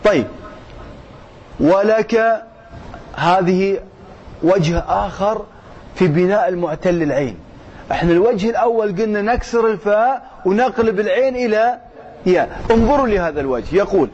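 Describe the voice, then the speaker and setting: A man teaching grammar, reading a text slowly and then explaining it while quizzing his listeners. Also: high-pitched, a little mellow. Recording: dull lo-fi sound with faint noise.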